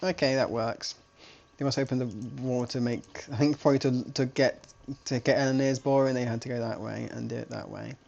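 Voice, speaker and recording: Male game caster, chatty, rambling, restarts his sentences a lot, mid-pitched voice. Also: steady tone, brisk, creaky, hardly any pauses, a little mellow, lo-fi sound. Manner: rambling, self-correcting, chatty. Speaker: esports caster. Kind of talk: live game commentary.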